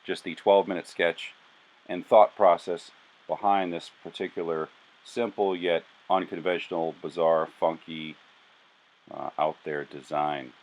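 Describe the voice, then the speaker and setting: Male narrator, very low bass voice, monotone and casual, self-deprecating builder talking through his sketch. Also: unhurried, low-quality recording.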